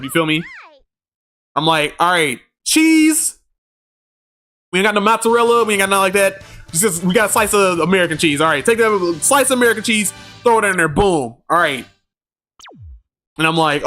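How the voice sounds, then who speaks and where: A fairly high-voiced man chats casually on a game stream, telling stories in loose slang and breaking into laughter often. His tone is bright and forceful. Faint game music plays underneath. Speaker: gaming streamer. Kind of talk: casual livestream chat.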